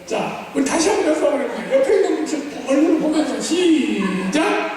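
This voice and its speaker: An animated male pastor preaching a sermon, his high voice jumping all over as he acts out exchanges and leads the room in call-and-response. He sounds far from the mic in a big echoey church hall, with a long reverb tail and a faint hiss underneath. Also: a little fast. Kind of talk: sermon seminar. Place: church sanctuary.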